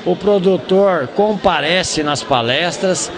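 A man speaking for a cooperative in an interview, measured and earnest, into a handheld mic. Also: sits high, crowd noise. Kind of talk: on-camera interview.

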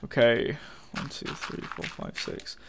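A man's voice: takes it slowly, noisy background. A young man giving casual, frustrated commentary while playing a game, swearing often and talking to his viewers. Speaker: gaming channel host.

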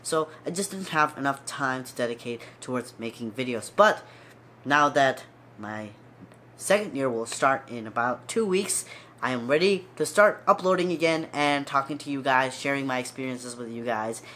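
A medical student in his twenties talks casually and earnestly to camera from a small room at home, sitting close to it. His stuffy nose is audible, and he repeats words for emphasis. His voice is medium-pitched and expressive, with a sharp tone, a moderate pace, and slight background noise.

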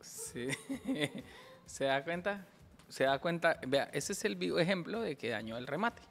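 A man with a Colombian accent, a comedian hosting a casual chat and telling jokes with animated acted-out voices. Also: on the high side, unhurried, gravelly, long reverb tail, faint music behind. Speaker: comedian and show host.

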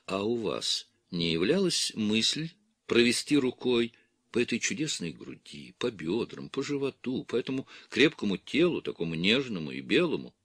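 A man voicing a soft-spoken probing abbess. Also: fairly low pitch, big pitch swings, moderate pace, slightly rough, dry recording, clean studio sound, full character voice. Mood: hushed probing. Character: mother superior, older woman, probing and insinuating.

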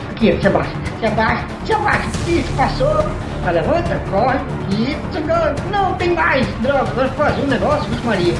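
A man hosting a horror game let's play, excitable and exclamatory, talking himself through each move. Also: very high-pitched, echoey room, rough recording. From Brazil. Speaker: gaming channel host.

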